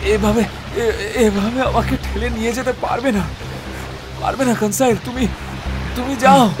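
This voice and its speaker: An actor playing an earnest, weary professor who narrates his ordeal in a dramatic, halting way. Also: very high-pitched, steady tone, over music. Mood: exhausted, pleading. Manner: dramatic, halting, with repeated words. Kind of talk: dramatised first-person story narration.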